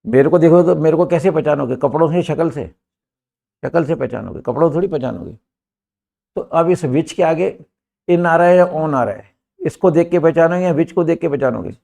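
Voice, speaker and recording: Older Indian-accented male teacher, gravelly, emphatic, rhetorical, heard from across a classroom. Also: a little high, normal speed, warm tone. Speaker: English teacher. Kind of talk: classroom lesson.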